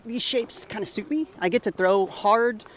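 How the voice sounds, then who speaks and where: A woman's voice: mid-range voice, normal speed, slight background noise. A woman athlete chatting informally and a little hesitantly in an outdoor interview. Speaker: competing athlete. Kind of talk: casual on-course interview. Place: outdoors, walking on a fairway.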